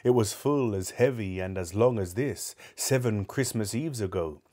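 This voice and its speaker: Guy playing a grave doomed ghost in a storybook, low and dark, solemn and sorrowful. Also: moderate pace, close to an everyday voice. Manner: solemn, mournful. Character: grave, doomed male ghost of a dead businessman.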